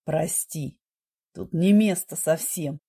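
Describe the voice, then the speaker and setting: A woman reading an audiobook puts on a devoted, intense husband whose voice drops into a husky low murmur. He speaks insistently but tenderly, in a slow, unhurried delivery. The tone is dark and breathy. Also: lively intonation, heavily acted. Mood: hoarse whisper. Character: passionate adult man, devoted husband, intense.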